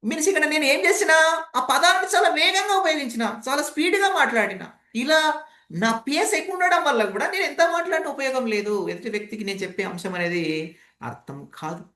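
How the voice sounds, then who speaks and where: A woman teaching voice modulation in an online session, demonstrating loud, soft, fast and slow speech and asking the audience questions. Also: high voice, lively intonation, reverberant. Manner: demonstrative, shifts volume and pace on purpose to illustrate points; asks the audience rhetorical questions. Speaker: voice modulation trainer. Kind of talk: online training session lecture.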